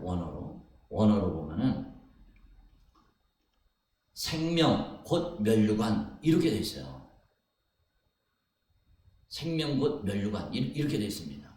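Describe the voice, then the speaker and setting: A male pastor preaching a sermon in a church sanctuary, pressing his points by repeating them. His pitch moves a lot, rising and falling. The sound is very echoey and picked up from some distance. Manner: emphatic, repeats phrases for stress. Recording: very echoey hall, mic at a distance.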